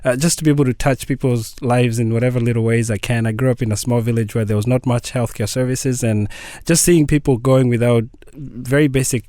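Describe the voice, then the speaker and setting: A man speaks as a radio guest in a close, dry studio sound. His voice sits at a middle pitch, and he explains things in an earnest, patient way. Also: fairly even intonation, a little fast, dark tone, no echo. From Kenya. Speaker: guest, family nurse practitioner. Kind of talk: radio interview.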